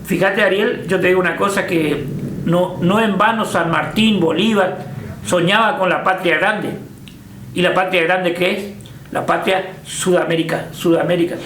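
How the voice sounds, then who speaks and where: A man's voice: high voice, steady tone, moderate pace, fairly bright tone, echoey room, slight background noise. An older man with an Argentine Spanish accent, recalling the past in a hesitant interview, full of fillers and restarts. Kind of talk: casual reminiscing interview.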